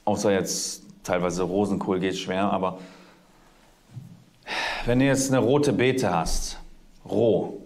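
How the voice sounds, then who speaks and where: A man giving slow, drawling, preachy advice in a played video clip. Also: sits low, fairly even intonation, a little mellow.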